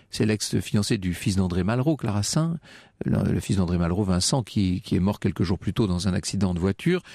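A man's voice: fairly low pitch, a little mellow, dry recording, clean studio sound. A man telling a history story on the radio in a conversational way, hesitant with many fillers and restarts.

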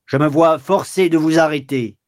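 A man doing a stern, shrill police commissioner. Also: moderate pace, natural voice. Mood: stern official. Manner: formal, commanding, rising to sharp outbursts. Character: stern middle-aged male police commissioner.

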